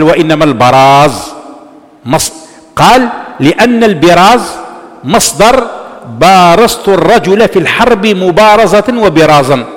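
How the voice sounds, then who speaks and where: A man giving a religious lesson, explaining a text and answering his own rhetorical questions. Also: sits high. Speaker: religious teacher. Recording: long reverb of a large hall.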